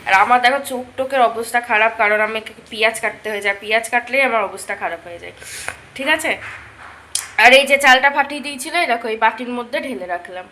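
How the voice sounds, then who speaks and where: Young woman, home cooking vlogger, bright high voice, faint room noise. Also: quick pace. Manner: chatty, talks straight to viewers, softly at times. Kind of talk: casual cooking vlog chat. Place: home balcony and kitchen.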